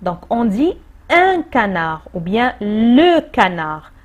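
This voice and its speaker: A woman teacher with a Moroccan French accent, explaining a distance-learning grammar lesson slowly and patiently, repeating key points. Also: medium pitch, big pitch swings. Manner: slow, patient explaining with repetitions. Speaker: primary school teacher.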